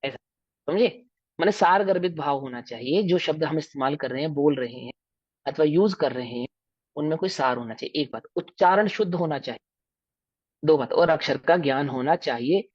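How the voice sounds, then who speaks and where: A man's voice: a little high, normal speed, a little mellow, slightly rough, dry recording. Brief: male scripture teacher, Hindi accent, asks and answers his own questions, dry lo-fi sound. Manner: explanatory, asks the listeners questions and answers them. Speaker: religious teacher. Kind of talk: scriptural lecture to a class. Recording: dull dry lo-fi recording.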